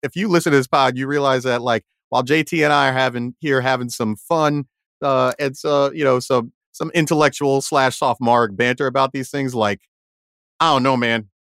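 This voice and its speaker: A male podcast co-host in loose, laughing banter who stumbles over and repeats his words as he builds a story. He sits at a middle pitch and sounds close and dry, with no room around him. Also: steady tone, brisk, a bit bright, dry recording. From Haiti. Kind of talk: casual chat.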